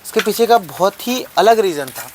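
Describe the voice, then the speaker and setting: A man's voice: sits high, animated, moderate pace, noisy background. Rambling young man on a house tour. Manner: rambling, repeats phrases, talks to viewers. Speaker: vlogger. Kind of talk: casual vlog tour. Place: old mud house, indoors and outdoors. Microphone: phone camera.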